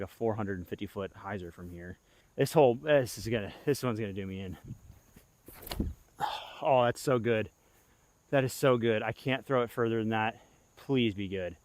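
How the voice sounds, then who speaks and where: Young male vlogger outdoors, casual play-by-play, out of breath, jumps to excited yelps at his throws, mid-pitch voice. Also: no echo. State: winded and tired. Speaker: disc golf vlogger. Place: outdoor disc golf course.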